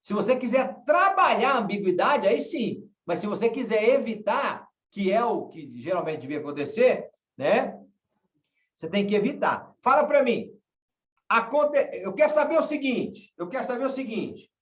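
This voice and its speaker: A man's voice: high-pitched, very animated, normal speed, recorded from a distance. A man from Brazil teaching a class, asking questions and repeating example sentences. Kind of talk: online class lesson. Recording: dull, echoey room from afar.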